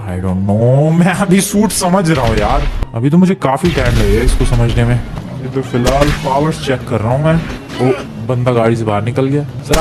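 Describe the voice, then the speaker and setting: An excitable man narrates his gameplay as it happens, mixing Hindi and English and addressing viewers as friends. His voice sits at an ordinary middle pitch and keeps leaping up when something surprises him. Game music plays clearly behind him, along with bursts of gunfire. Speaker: gaming video creator. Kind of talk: live gameplay commentary.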